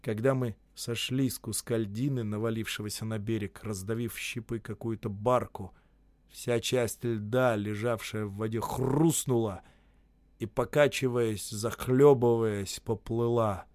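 A man narrating literary prose in a measured, dramatic storytelling way. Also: lowish voice, fairly even intonation, a little mellow, no room sound. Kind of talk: audiobook reading of literary prose.

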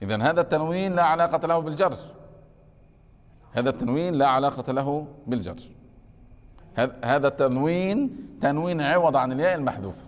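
A man's voice: fairly high pitch, expressive, fast, pauses often. Male grammar teacher lecturing in a reverberant hall. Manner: keeps asking the class if it is clear; takes questions from students.

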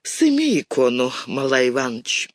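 A man's voice: mid-range voice, wildly swooping pitch, normal speed, dry recording, clean studio sound, voice pushed down. A man voicing a grieving, devout woman who speaks in plain folk speech, pleading and stern by turns.

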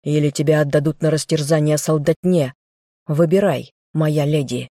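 A woman voicing an arrogant, treacherous young man, a squire in armor who shouts threats. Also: low-pitched, fairly even intonation, normal speed, dry recording, clean studio sound. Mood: menacing. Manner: shouting, menacing.

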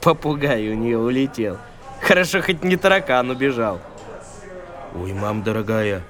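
A man playing a wry, nervous police duty lieutenant in a comic audio drama, deadpan and deferential. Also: mid-range voice, moderate pace, lightly acted.

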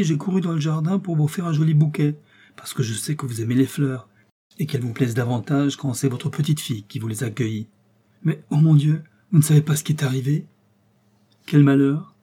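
A man voicing a tearful young princess girl in a storybook reading, pleading in a high, sobbing way. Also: dark tone, breathy edge. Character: tearful little princess girl, sweet and upset.

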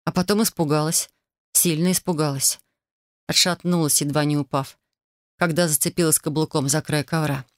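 A woman narrating a first-person romance novel with a measured, expressive reading. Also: deep voice, no room sound, clean studio sound. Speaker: audiobook narrator.

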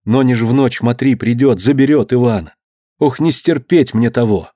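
A man's voice: medium pitch, normal speed, dark tone, no room sound, studio quality, lightly acted. A man reading an audiobook and voicing a frightened young wife who speaks anxiously. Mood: worried. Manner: anxious, plaintive.

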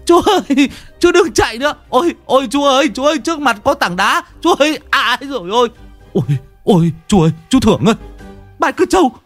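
A man's voice: expressive, fast, a bit bright, no echo, faint music behind. A man voicing a scrawny, panicky young man who wails and pleads. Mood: panicked wailing. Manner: wailing, high-pitched pleading.

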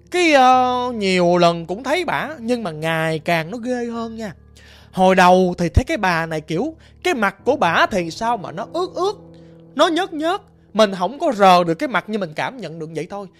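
A woman with a Southern Vietnamese accent telling a ghost story in a lively, emphatic, conversational way. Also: medium pitch.

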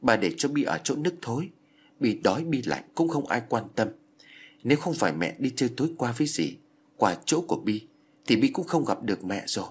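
A man's voice: mid-range voice, expressive, fairly quick, slightly rough. A man doing a stubborn little ghost girl. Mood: sobbing. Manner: pleading, childish insistence. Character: small ghost girl, stubborn, clingy, sobbing.

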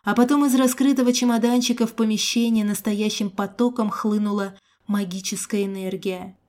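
A woman narrating a first-person audiobook with steady, expressive delivery. Her voice is mellow and soft-edged, at an ordinary pitch for a woman. The reading is even and controlled throughout. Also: moderate pace.

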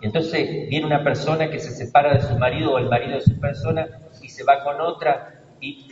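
Man preaching from far off, roomy hall. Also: mid-range voice. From Argentina. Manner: emphatic preaching, swings between loud stresses and hushed asides. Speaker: priest. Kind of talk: sermon. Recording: distant roomy church recording, dull sound, faint noise.

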